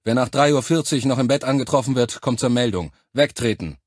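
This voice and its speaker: A man voicing a gruff male drill instructor who gives curt, loud orders to recruits in an audiobook. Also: mid-range voice, brisk, no room sound, clean studio sound, pitched above the performer's own voice, close to an everyday voice. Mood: barking orders.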